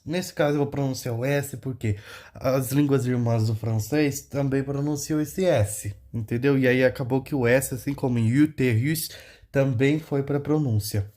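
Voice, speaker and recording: A man's voice: mid-range voice, a little mellow. A young man giving a casual pronunciation lesson, explaining step by step and often checking in with his listeners. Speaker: language teacher.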